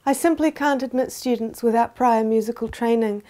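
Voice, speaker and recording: A woman's voice: a little high, moderate pace, warm tone, close to an everyday voice. A woman reading aloud, voicing a strict, formal female music teacher. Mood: prim.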